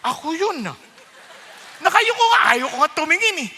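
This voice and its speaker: A man's voice: very high-pitched, moderate pace. A Filipino man, a pastor, preaching a sermon and telling his own story, acting out the voices he quotes. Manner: animated storytelling, acts out quoted voices, mixes English and Tagalog. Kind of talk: sermon with personal testimony. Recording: long reverb of a large hall.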